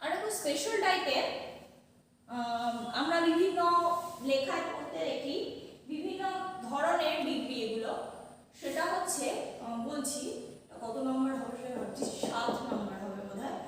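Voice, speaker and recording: Woman teacher, grammar lecture, halting and repetitive, distant mic, roomy reverb, faint background noise. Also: sits high, expressive. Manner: slow and halting, repeating words while writing. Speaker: English teacher. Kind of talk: classroom grammar lecture, writing as she talks.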